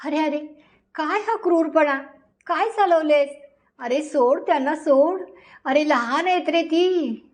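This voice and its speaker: A woman's voice: high-pitched, slow, pitched above the performer's own voice. A woman doing a frantic, distraught father. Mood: anguished pleading. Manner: pleading, scolding loudly. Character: frantic middle-aged father, panicked and angry.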